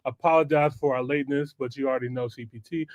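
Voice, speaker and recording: A man's voice: mid-range voice, steady tone, fast, a little hiss or hum. A man hosting a live online talk show, chatting loosely with slang and frequent laughs. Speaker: podcast host. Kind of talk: casual live-stream chat.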